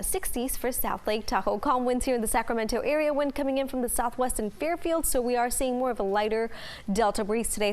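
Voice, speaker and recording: A woman with an American accent presents a weather forecast, partly ad-libbed. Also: fairly high pitch. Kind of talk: semi-improvised weather forecast.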